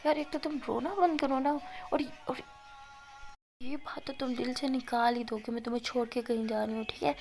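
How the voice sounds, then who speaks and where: A woman's voice: high voice, steady tone, a little mellow, soft background music. Woman doing a coaxing, fond college girl. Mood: soothing. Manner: soothing, coaxing, quick and fond. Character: young woman college student, soothing and teasing.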